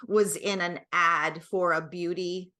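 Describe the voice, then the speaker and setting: A middle-aged woman with a lowish, sharp-toned voice speaks slowly with fairly even intonation. As a guest expert and product creator, she explains conversationally and emphatically, regularly confirming the listener is following.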